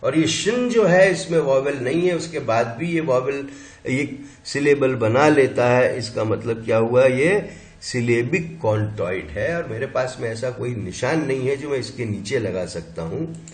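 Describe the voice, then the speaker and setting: A male teacher lecturing on pronunciation with a lively, swinging pitch. He talks slowly and carefully, sounding out each syllable as he counts them. The room around him sounds echoey. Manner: slow and explanatory, spelling out sounds and counting syllables. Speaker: linguistics teacher. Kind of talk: classroom lecture.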